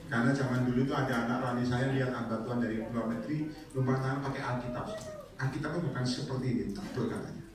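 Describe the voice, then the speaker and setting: A man preaching a lively, colloquial charismatic sermon to a congregation, teasing and exhorting them. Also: medium pitch, fast talker, a crowd in the background. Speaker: evangelist. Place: prayer meeting hall. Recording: echoey hall, mic far off, faint noise.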